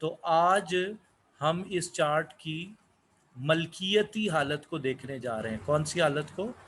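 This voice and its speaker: A man whose first language is Urdu, giving a slow English lesson, asking questions and answering them himself. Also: on the high side, fairly bright tone, slight background noise. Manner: asks questions then answers them, repeats words. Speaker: English teacher.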